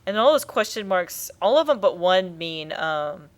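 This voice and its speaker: A woman's voice: on the low side, lively intonation, measured pace. Chatty woman narrating a game. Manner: chatty, giggly, explains as she plays. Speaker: let's play host. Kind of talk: casual game commentary.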